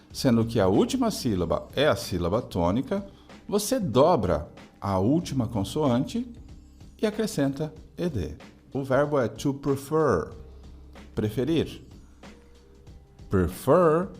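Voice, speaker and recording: A man from Brazil teaching an English lesson in a video, explaining grammar step by step and saying example sentences slowly. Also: mid-range voice, a little mellow.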